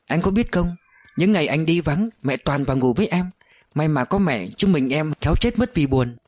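A man's voice: on the high side, lively intonation, normal speed, darkish tone, no echo. A man voicing an affectionate young village wife who speaks in a coaxing, playful way. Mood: teasing, fond.

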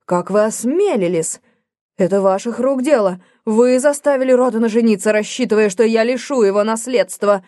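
Female reader doing an old spinster, high, shrill, imperious; mellow tone, dry studio sound. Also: normal speed, no room sound, natural voice. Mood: hysterical. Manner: shrill, indignant outbursts. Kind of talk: audiobook character voice.

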